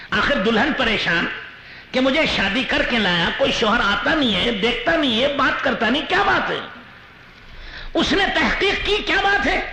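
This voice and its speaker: A male Islamic preacher telling a story in a sermon, animated, with chuckling asides. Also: very high voice. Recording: roomy echo with faint noise.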